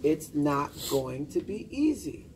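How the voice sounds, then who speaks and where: A man in his thirties, working as a personal development coach, sits with a small group in an indoor lounge and gives informal motivational coaching. His slightly high, slightly mellow voice swings widely in pitch and takes things slowly, staying emphatic and directive with short commands and questions. The room is noisy with an ambient hum.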